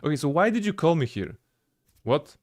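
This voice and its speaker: A man's voice: a little high, big pitch swings, moderate pace, no echo. A man streaming a game, chatting casually and rambling with frequent restarts. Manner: rambling, restarts words, chuckles. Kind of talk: casual gameplay commentary.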